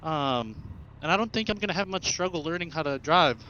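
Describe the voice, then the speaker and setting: A man's voice: on the high side, animated, a little fast, bright, forceful tone. A young American man chatting casually and ramblingly as he rides, talking from inside a motorcycle helmet. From Arkansas, United States. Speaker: motovlogger, new rider. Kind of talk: casual vlog chat while riding. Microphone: helmet headset mic into an action camera. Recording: muffled helmet mic with engine and road noise.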